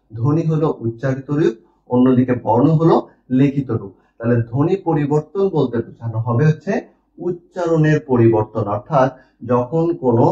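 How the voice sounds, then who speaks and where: A man teaches an online grammar lesson with a dark, mellow voice. He explains step by step and asks questions that he answers himself. The recording is distant and lo-fi, in a roomy space. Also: mid-range voice.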